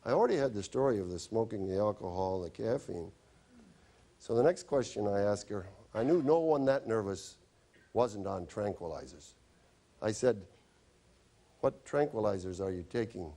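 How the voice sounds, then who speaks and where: A man's voice: lowish voice, animated, normal speed, mellow. A man who is a doctor, telling chatty, wry anecdotes in a health lecture. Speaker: doctor giving a stop-smoking talk.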